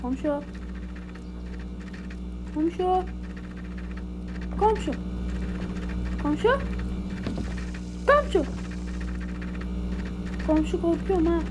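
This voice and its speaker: A woman gaming YouTuber giving jittery, fast-talking gameplay commentary. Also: very high-pitched, lively intonation, background noise. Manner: jittery, talks fast when frightened. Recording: loud background game music.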